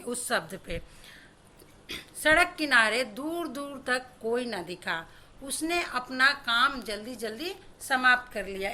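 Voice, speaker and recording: A woman's voice: high-pitched, bright, forceful tone. A woman teacher explaining a school lesson step by step, now and then mixing English words into her talk.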